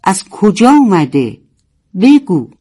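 A storyteller voicing a young male narwhal, curious and fearful, in a higher, plaintive tone. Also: animated, natural voice. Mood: wondering.

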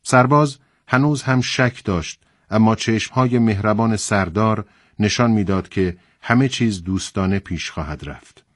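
A low-pitched man reads a book passage in a calm, measured way. The sound is dry and close on a studio microphone, with no room echo. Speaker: reader on a radio program. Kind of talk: reading a book passage aloud.

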